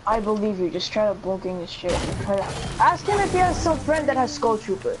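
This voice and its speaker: A woman's voice: medium pitch, a little fast. Pushy woman on a noisy game chat. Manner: pushy, swearing. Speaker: gamer in voice chat. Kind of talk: casual gaming chat. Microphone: online voice chat.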